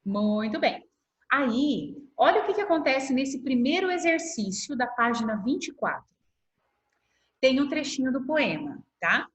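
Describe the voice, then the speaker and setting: A middle-aged woman with a Brazilian accent, a primary school teacher giving a patient online class and slowly stretching out words to show how they split. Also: sits high, sing-song. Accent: Brazilian Portuguese. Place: home room on a video call. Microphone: laptop mic on video call. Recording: echoey video-call audio.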